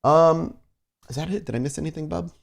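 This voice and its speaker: Talking a little fast with some vocal fry, a man with a fairly high voice hosts and runs the game on a tabletop roleplaying podcast. He chats casually, then shifts into setting scenes through improvised narration.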